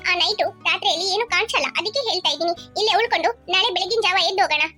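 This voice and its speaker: A performer voicing a calm young woman guiding others through a forest in a cartoon, patient and reassuring. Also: very high voice, very fast. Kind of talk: cartoon voice acting. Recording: music playing behind.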